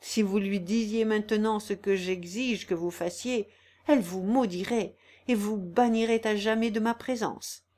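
Resolute young heroine, read by a woman, earnest, steady, audiobook. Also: mid-range voice, measured pace, close to an everyday voice. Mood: sorrowful. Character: young woman, proud, gentle, resolute lover. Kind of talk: audiobook reading.

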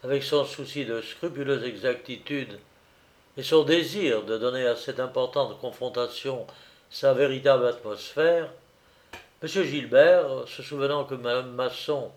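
A man narrating a courtroom crime story in a measured storytelling reading. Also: medium pitch, a little mellow. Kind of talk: dramatic reading of a crime chronicle.

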